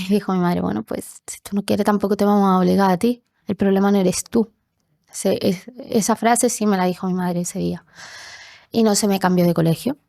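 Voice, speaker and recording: A young woman with a gravelly, mid-range, darkish voice shares her personal story as a guest in a podcast interview. She sounds earnest and sometimes acts out the voices of people from her childhood. The recording is a clean studio sound on a podcast mic, with no echo.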